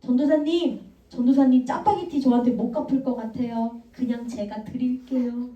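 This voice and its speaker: A woman's voice: on the high side, steady tone, mellow, lightly acted. Woman voicing a stern, merciful king. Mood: stern solemn. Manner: measured, pronouncing judgement. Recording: echoey room, mic far off.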